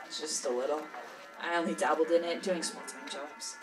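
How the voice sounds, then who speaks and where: In an audio drama interview, a woman plays a jaded smuggler telling her story in a low, worldly, cynical and matter-of-fact voice. Her tone is steady, her pace moderate and close to everyday speech. She sounds slightly distant from the mic, with music clearly audible behind her.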